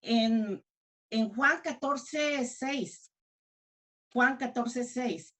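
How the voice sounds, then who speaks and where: A woman preaching a sermon in a Mexican accent, her voice sitting a little high. She speaks earnestly, restarting words and correcting herself as she goes. When she quotes a desperate plea, she cries it out. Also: extremely slow, fairly bright tone. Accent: Mexican Spanish.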